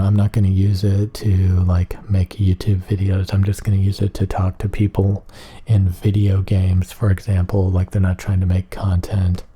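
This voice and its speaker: A man giving a rambling ASMR talk in a flat, emotionless monotone, hesitant and meandering as he goes. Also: deep voice, husky. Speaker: ASMR video creator.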